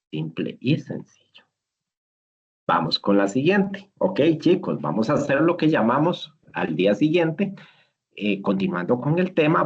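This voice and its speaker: A man's voice: fairly low pitch, husky. A man leading a simulated classroom lesson as a teacher, patient and encouraging, praising each answer. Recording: dull lo-fi recording.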